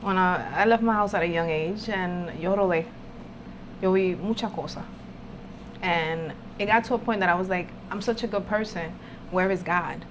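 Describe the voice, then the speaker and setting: Against a noisy background, this woman speaks in a lowish voice at a moderate pace. A spiritual entrepreneur from the Dominican Republic who later moved to New York City, she shares personal stories candidly as a podcast guest. Her manner is informal, with emphatic repetition and Spanish woven in.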